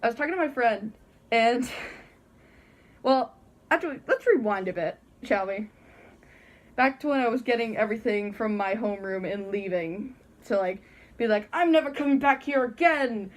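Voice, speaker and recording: A teenage girl vlogs from her bedroom in a costume head, casually telling a story, giggling, and acting out the people she quotes. She speaks at normal speed in a mid-range voice, pausing often.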